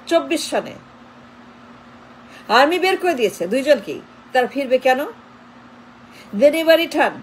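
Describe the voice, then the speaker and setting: Emphatic high-voiced woman commentator. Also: slight background noise, rough recording. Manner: emphatic and insistent, piling up repeated rhetorical questions. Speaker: political commentator. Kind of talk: political commentary monologue.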